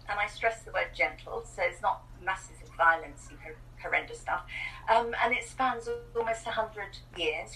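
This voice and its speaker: A woman in her sixties from New Zealand, an author chatting as a guest with a lively, self-deprecating way of telling stories. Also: mid-range voice. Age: 60s. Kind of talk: casual interview chat. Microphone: remote video call. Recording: distant call audio with faint noise.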